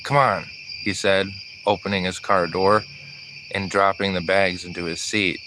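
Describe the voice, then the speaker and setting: A man with a very deep voice narrates an audiobook, reading at a steady, even pace. Crickets and insects chirp clearly behind him, as if he were recording outdoors. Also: normal speed, noisy background.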